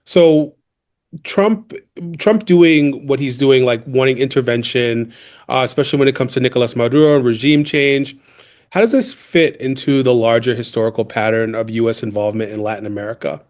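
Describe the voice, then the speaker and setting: A podcast host reads a scripted intro to his history show, then moves into loose questions full of fillers. His voice is medium in pitch and somewhat dark, delivered at a normal speed.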